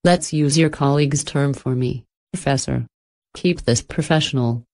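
A poised, cultured ancient entity voiced by a woman speaks in a low, soft, even tone. Every word is measured and unhurried, courteous on the surface but menacing beneath. It belongs to a horror storybook reading. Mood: menacing, amused. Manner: even, measured, softly spoken.

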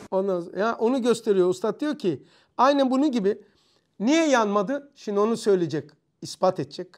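A man giving an informal religious lesson to a group of teenage students. He keeps asking them questions and acts out blows and shouts with sound effects. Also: sits high. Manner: lively, questioning the students, acting out strikes with sounds. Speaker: religious teacher.

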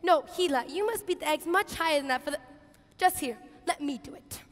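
Young woman acting flustered, high-pitched Martha, theatrically exaggerated. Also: fairly quick, slight background noise, natural voice. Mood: exasperated, pleading. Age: teens to young adult. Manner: exaggerated, theatrical intonation, swinging from hushed asides to shouts. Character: flustered, bossy Martha, harried biblical kitchen hostess, exasperated with sister. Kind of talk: dramatic monologue, expressive stage reading. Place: stage in a large auditorium with audience. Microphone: headset. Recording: reverberant large hall, headset mic.

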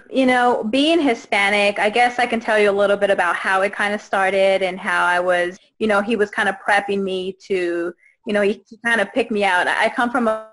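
A woman in her thirties from Guatemala, a guest telling her own story on a video call, earnest and halting with many fillers and restarts. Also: mid-range voice, a bit bright, low-quality recording. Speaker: interview guest. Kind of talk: personal testimony in a video call. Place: indoors, small room. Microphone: video call webcam.

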